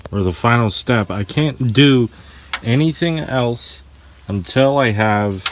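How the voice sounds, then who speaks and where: A man chatting casually in a vlog, halting and repeating words, laughing often. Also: on the low side, slight background noise. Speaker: vlogger. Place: outdoors by cars, then inside a car.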